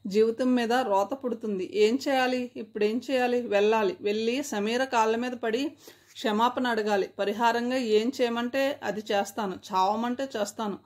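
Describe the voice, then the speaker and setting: A woman storyteller reading a dramatic story aloud with steady, expressive narration. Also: fairly high pitch, normal speed.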